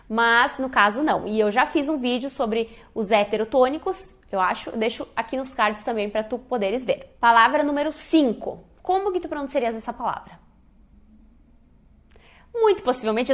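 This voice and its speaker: A young woman hosts a casual online lesson and quizzes the viewer as she goes. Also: fairly high pitch. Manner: lively, quizzes the viewer, gives spoken examples. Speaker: Spanish teacher, channel host.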